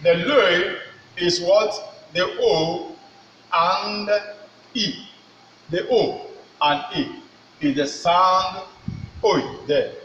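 A middle-aged man gives a pronunciation lesson at a slow, deliberate pace. His fairly high voice rings in an echoey room. He drills by repetition and puts questions to the learner. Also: a bit bright. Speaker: French teacher. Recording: echoey room, dull sound, faint noise.

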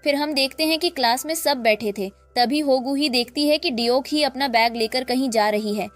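High-voiced woman recapping a drama. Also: normal speed, faint music behind.

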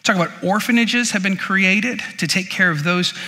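Guy pastor preaching, kinda high voice, chatty w lots of uh's, echoey church hall. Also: normal speed, sharp tone. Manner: casual, chatty, with many fillers and restarts. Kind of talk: sermon. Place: church sanctuary. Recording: long reverb of a church hall.

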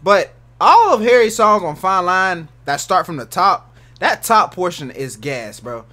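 A man's voice: high voice, very animated, measured pace, sharp tone. A man casually commentating for his viewers in a slangy, rambling way. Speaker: reaction video host.

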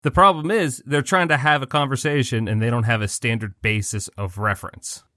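A man's voice: medium pitch, steady tone, a little fast, pushed and bright, no room sound, clean studio sound. A man co-hosting a podcast in a casual chat, laid-back and wry. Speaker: podcast co-host.

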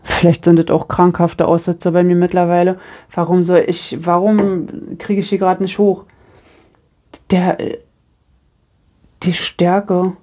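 Middle-aged german woman doing a tarot reading, chatty and self-mocking, lively storyteller. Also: fairly low pitch, measured pace, long pauses. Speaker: tarot reader. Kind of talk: casual chat.

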